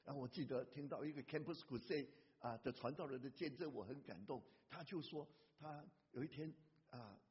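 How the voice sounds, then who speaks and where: A man pastor preaching a sermon in an animated way, breaking into a hymn at times. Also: mid-range voice, brisk, husky. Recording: lo-fi church hall reverb.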